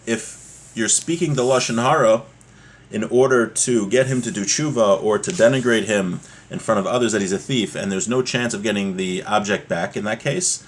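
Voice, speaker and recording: A religious teacher with a mid-range voice reads aloud from a religious text, explaining it step by step. He often checks in with rhetorical questions, with slight noise in the background.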